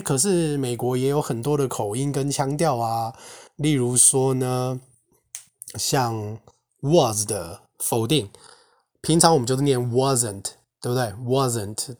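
A man at a middle pitch hosts a casual solo podcast as an English teacher. He chats along loosely, tossing in rhetorical questions and dropping into English phrases. His pitch sits right in the ordinary range for a man. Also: darkish tone. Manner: chatty, rhetorical asides, code-switching.

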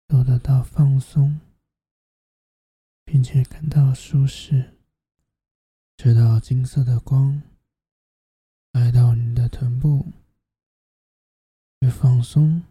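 A host narrating a guided sleep meditation like a sleep story narrator, in a soft, soothing, half-whispered delivery. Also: medium pitch, slightly rough, dry recording.

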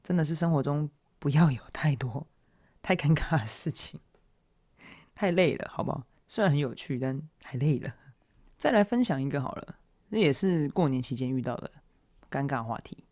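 A young man hosts a solo podcast and tells his own awkward stories. He talks casually, with an animated, self-mocking delivery. His voice sits in an ordinary middle pitch. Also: normal speed. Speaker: podcast host.

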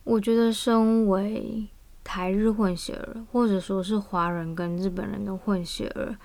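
A woman's voice: mid-range voice, steady tone, a little slow, a little mellow. A woman with a Taiwanese Mandarin accent hosting a casual personal podcast monologue, her voice weak and under the weather. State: weak voice from vaccine side effects. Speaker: podcast host.

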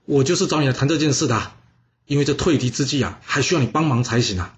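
A man's voice: medium pitch, fast, highs cut off, lightly acted. A man voicing a scheming, wheedling ancient prince in a told story. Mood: sly. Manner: wheedling, sly. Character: scheming, fawning ancient prince, male adult.

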